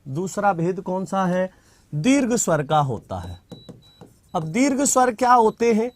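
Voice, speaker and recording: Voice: mid-range voice, sing-song, a little slow. A teacher giving a classroom grammar lecture, asking rhetorical questions, answering them, and dictating notes word by word with repeats.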